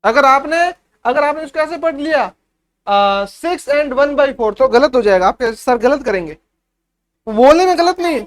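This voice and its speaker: High-voiced man teaching children. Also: lively intonation, normal speed. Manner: keeps checking the class understands; patient, step-by-step explaining. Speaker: maths teacher. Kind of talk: revision class for young pupils.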